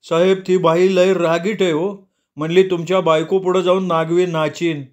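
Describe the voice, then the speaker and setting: Nervous constable, hesitant and pleading, voice pushed up high, played by a male narrator. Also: moderate pace, close to an everyday voice.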